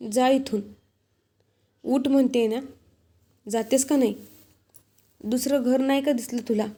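A woman giving voice to a haughty queen who barks people away with contempt in a storybook tale. Her voice is fairly high and mellow in tone, and her speech stays slow. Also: steady tone. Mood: scornful. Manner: harsh, scornful. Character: proud queen, contemptuous and shouting.

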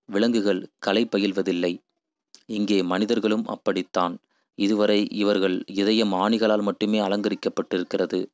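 A man doing an idealistic preacher, poetic, rousing, low voice, dry sound. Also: no echo, natural voice.

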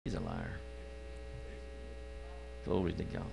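A man preaching a sermon in church, moving from quiet low asides to loud, drawn-out exclamations. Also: monotone, vocal fry. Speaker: pastor. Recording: live stream with faint mains hum.

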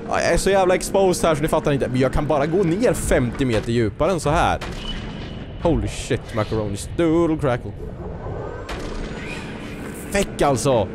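A man's voice: on the high side, background noise. A man hosting a let's play, full of jumpy nervous exclamations, joking and muttering to himself and talking back at the game's creatures. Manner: excitable and jumpy, sudden nervous outbursts and exclamations; talks to the game creatures, jokes and mutters to himself. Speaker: gaming video host.

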